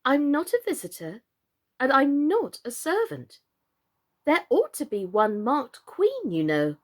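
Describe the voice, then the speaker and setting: A woman's voice: high-pitched, huge pitch swings, a little slow, voice pushed up, full character voice. A woman voicing a young girl queen in a storybook who is impatient and indignant. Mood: puzzled.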